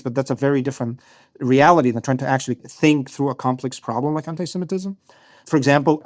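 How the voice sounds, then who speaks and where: Speaking in a darkish, mid-range voice, this Egyptian man in his thirties is a guest writer being interviewed. His answers run long and reflective, full of fillers and restarts as he thinks things through.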